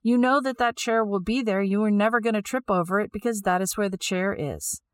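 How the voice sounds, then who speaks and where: A woman's voice: medium pitch, fairly quick, no echo, clean studio sound. A woman lecturing, explaining an idea step by step and sometimes repeating phrases as she thinks aloud.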